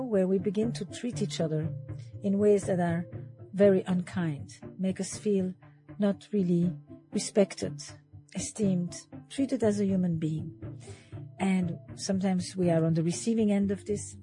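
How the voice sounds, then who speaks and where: A woman's voice: on the low side, warm tone. A woman hosting a panel conversation, reflective and thinking aloud as she moderates. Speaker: host.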